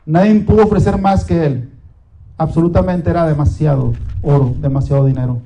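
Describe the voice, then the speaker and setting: A male pastor with a notably high voice, preaching a sermon. He builds with dramatic pauses and repeated phrases. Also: mellow, muffled recording.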